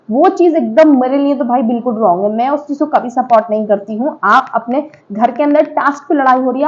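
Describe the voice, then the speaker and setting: A woman's voice: high-pitched, dull audio. A woman giving casual, emphatic opinion commentary to viewers on a reality show, slipping in English words and checking in with her listeners.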